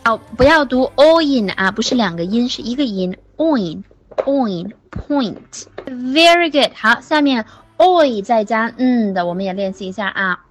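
Woman, pronunciation teacher: patient, slow demonstrations, fairly high voice, faint music behind. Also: highs cut off. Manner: patient, demonstrates words slowly, praises students. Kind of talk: online pronunciation lesson.

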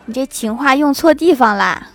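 A woman's voice: high-pitched, animated, normal speed. Playful young woman telling jokes. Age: young adult. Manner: playful, self-mocking, laughing asides. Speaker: comedy storyteller. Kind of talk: scripted joke narration. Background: faint background music.

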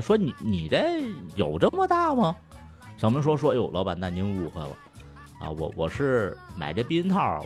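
A man in casual chat, telling crude jokes, swearing freely and laughing loudly at his own punchlines. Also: mid-range voice.

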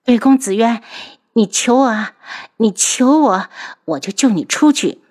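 A woman voicing a scornful young man of a royal house who shouts bitter accusations at his mother. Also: unhurried. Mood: bitter, furious. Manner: shrill, accusing, furious.

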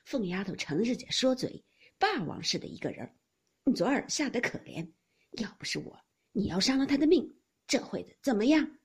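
A woman voicing an elderly grandmother who heads a great household, scolding sharply and lively in a breathy voice. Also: fairly low pitch, normal speed, heavily acted. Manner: sharp scolding, then teasing. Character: elderly matriarch grandmother, scolding yet doting.

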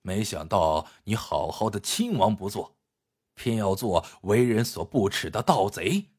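A man's voice: animated, a little mellow, slightly rough, heavily acted. A man doing a stern, cold old emperor. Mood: thundering. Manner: slow, heavy, low delivery. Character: stern cold older male emperor, grieving father.

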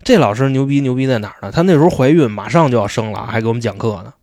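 A man tells chatty, slangy stories at a quick clip, his pitch bouncing up and down. He keeps asking his listener "you know?" The recording is close and dry. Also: expressive, darkish tone, no echo. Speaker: podcast host. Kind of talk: casual storytelling chat.

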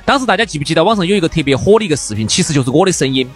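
A man's voice: a little high, animated, racing, slightly rough, faint music behind. A man with a Sichuan accent co-hosting a casual comedic chat show, teasing and mock indignant. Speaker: podcast co-host.

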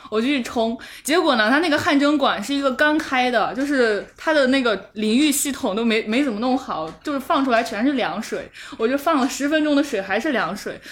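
Lively woman telling a story. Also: high-pitched, fairly quick, hardly any pauses. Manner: animated anecdote telling with laughter. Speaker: podcast co-host. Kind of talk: casual chat, storytelling.

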